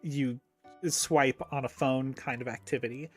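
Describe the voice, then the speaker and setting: A man at an everyday middle pitch hosts a loose, casual chat show. He rambles through his points with plenty of ums and drops swear words offhandedly. Faint music sits underneath his voice. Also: steady tone, unhurried. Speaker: host.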